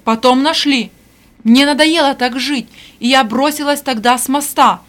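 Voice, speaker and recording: A woman's voice: sits high, normal speed, fairly bright tone. Woman voicing an indignant, defiant young servant girl. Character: mistreated teenage servant girl, defiant and hurt.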